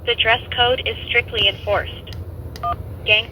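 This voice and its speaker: A recorded phone message plays from an automated phone menu over a phone speaker. The voice is bright and crisp, with slow, even, formal prompts, and faint noise sits behind it. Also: medium pitch, low-quality recording. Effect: recorded phone message played over a phone speaker.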